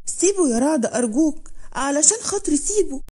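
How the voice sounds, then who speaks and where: A woman's voice: high voice, lively intonation, quick pace, warm tone. A woman voicing a mischievous, playful teenage girl in a story she reads aloud. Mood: pleading.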